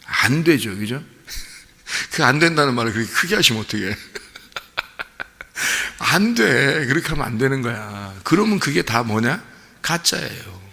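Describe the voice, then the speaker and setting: A man's voice: mid-range voice, sing-song, unhurried, gravelly, pauses often, sharp tone. A man preaching a sermon as pastor, telling a story animatedly and asking his congregation questions. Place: church sanctuary. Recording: church hall reverb.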